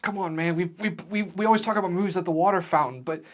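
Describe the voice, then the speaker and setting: A man doing a panicky, high-pitched office worker. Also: rapid-fire, close to an everyday voice. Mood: anxious pleading. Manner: panicky, pleading. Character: frightened male office worker barricaded behind a door.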